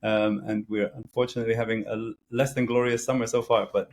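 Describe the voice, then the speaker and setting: A man's voice: lowish voice, level tone, fast, slight background noise. A middle-aged man talking as an interview guest, casual and hesitant, with frequent fillers and restarts. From grew up in several countries.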